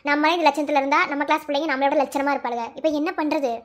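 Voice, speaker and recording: A woman's voice: sits high, fairly even intonation, close to an everyday voice. A woman voicing a chatty, bossy young college girl in a cartoon, with a Madurai Tamil accent and a scolding, teasing manner. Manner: scolding, teasing, quick banter. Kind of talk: cartoon voice acting.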